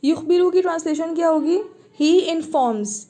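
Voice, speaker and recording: A woman's voice: very high-pitched, normal speed, mellow. A woman teaching Arabic grammar in an online lesson, explaining patiently, repeating the words and checking that her students understand.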